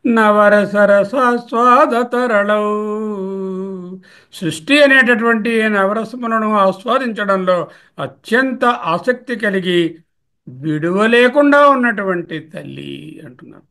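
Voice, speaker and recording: A Telugu-speaking man with a fairly high, slightly bright voice gives a scholarly lecture commenting on a Sanskrit hymn verse by verse. He poses questions and answers them himself, slowly repeating the verse words and glossing each one.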